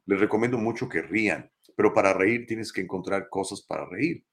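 A man with a fairly low voice hosts a live stream. He talks in a chatty, animated way and keeps calling his viewers brother. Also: moderate pace. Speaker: live show host answering viewers. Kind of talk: casual live-stream commentary.

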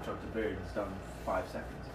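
A man's voice: low-pitched, level tone, brisk. A man chatting with friends who is boisterous and swears freely as he tells stories. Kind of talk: casual chat among friends. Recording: echoey room from a distance with noise.

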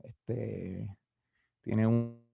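A young man of twenty with a Puerto Rican Spanish accent, a musician answering interview questions in a relaxed, rambling way with many fillers. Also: fairly low pitch, drawn-out words, vocal fry, husky, no echo, narrow, tinny audio. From Puerto Rico. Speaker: musician guest. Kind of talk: casual interview, mixing Spanish and English.

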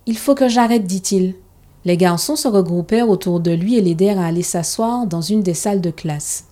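A woman narrating a children's story in a calm, steady storybook reading. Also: on the low side, moderate pace.

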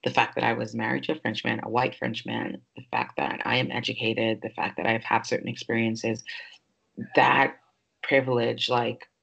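Gravelly, husky woman podcast host. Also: extremely low pitch, little pitch movement, normal speed, a bit bright, lo-fi sound. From New York, United States. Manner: reflective, thinks aloud with many fillers. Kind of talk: casual podcast conversation.

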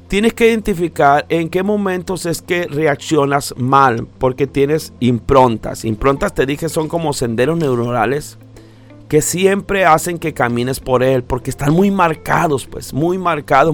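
A man giving a motivational talk, speaking straight to the listener and repeating phrases for emphasis. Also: on the high side. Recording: faint background music.

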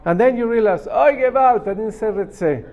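High-voiced New man teaching. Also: a little fast, warm tone, highs cut off. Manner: emphatic, repeats and explains step by step. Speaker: rabbi teaching a Talmud class. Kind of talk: religious lesson, reading and translating a text phrase by phrase.

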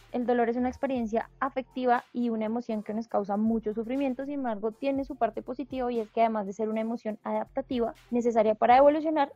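Woman giving calm advice. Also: a little high, dry recording. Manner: explains step by step, calm and reassuring. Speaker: podcast host giving advice. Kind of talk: casual advice talk, listing tips. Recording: dull, dry, slightly lo-fi audio.

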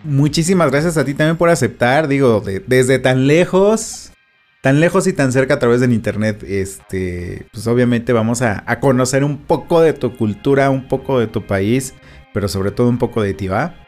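A man hosting a podcast interview, friendly, with animated greetings. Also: mid-range voice, normal speed, faint music behind. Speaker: podcast host.

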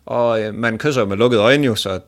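Man, casual podcast host, mid-pitch, chatty crude storyteller who laughs easily.

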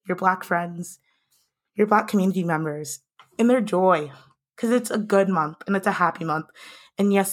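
A young adult woman hosting a podcast, speaking earnestly and with passion in a breathless rush, often restarting her sentences. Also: on the low side. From United States. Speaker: podcast host. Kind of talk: impassioned podcast monologue.

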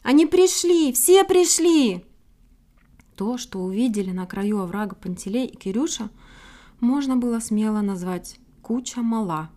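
A woman narrating a children's fairy tale in a gentle, expressive storybook reading. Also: mid-range voice.

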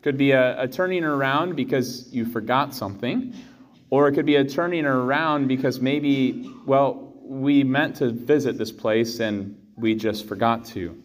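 An American man in his thirties, a priest, reading scripture and giving a homily in measured, deliberate phrases. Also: mid-range voice. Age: 30s. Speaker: priest preaching. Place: indoors, in a church.

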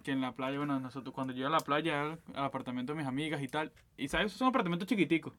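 A man's voice: on the high side, very fast, fairly bright tone, a little hiss or hum. A young Venezuelan man in casual chat who eagerly jumps in with his own anecdotes.

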